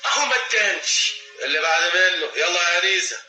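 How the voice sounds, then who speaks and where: A brisk, commanding Egyptian man in an old film. His voice is high and sharply bright. The soundtrack is echoey, with music behind. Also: expressive, full character voice. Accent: Egyptian Arabic. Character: bossy middle-aged man ordering everyone about. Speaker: man running a test to find a thief.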